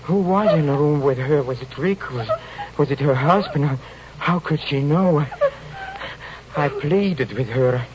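In a tormented first-person narration styled after old-time radio drama, an actor plays a desperate, haunted stage magician describing a terrifying ordeal, faltering and repeating words in an overwrought way. His fairly high voice is close to everyday speech, and he sounds pleading and desperate. The audio is muffled and noisy, like an old radio broadcast.

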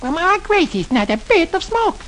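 A man voicing a prim, skeptical female cartoon duck in a high falsetto, for an old-time radio comic reading. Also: sing-song, moderate pace, fairly bright tone, a little hiss or hum, heavily acted. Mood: surprised.

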